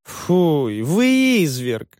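A man's voice: fairly high pitch, big pitch swings, very slow, darkish tone, no echo, studio quality, voice pushed up, heavily acted. A man voicing a compassionate female innkeeper who coos and soothes. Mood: indignant. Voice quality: cooing, soothing. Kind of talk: audiobook character voice.

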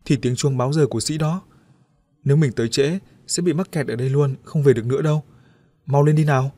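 A man voicing a timid, tearful young friend in an audiobook story, calling out at a raised pitch. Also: steady tone, normal speed, warm tone, no room sound, natural voice. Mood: hurried.

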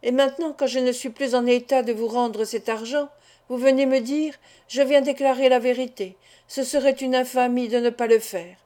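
Scornful rich lady in an audiobook read by a woman, cold, reproachful, mellow voice. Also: sits high, steady tone, normal speed, natural voice. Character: proud, scornful society woman.

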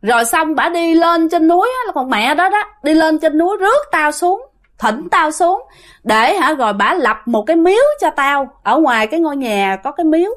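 A woman's voice: sits high, animated, moderate pace, pitched above the performer's own voice. A woman voicing a coarse, scolding old female mountain spirit who possesses a mother in a told ghost story. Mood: boastful.

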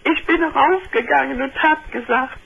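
An older woman calling a radio show, telling a painful family story in halting, rambling sentences full of restarts. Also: high-pitched, vocal fry, fairly bright tone. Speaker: caller. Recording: muffled telephone line on radio.

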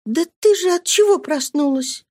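A woman voicing a tearful, secretive young girl who answers softly and evasively in an audiobook. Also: very high-pitched, expressive, normal speed, voice pushed up. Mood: plaintive. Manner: soft, evasive, pleading. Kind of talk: audiobook reading.

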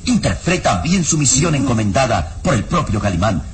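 A man narrating an old-time radio drama in a measured, even storytelling voice. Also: medium pitch. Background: dramatic background music.

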